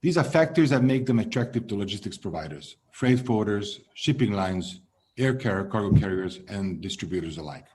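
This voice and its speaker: Answering an interviewer, this man in his fifties, originally from Hungary and working as a logistics executive, speaks in a measured way with phrase endings that fade out. His voice sits on the low side, slightly mellow, with lively intonation.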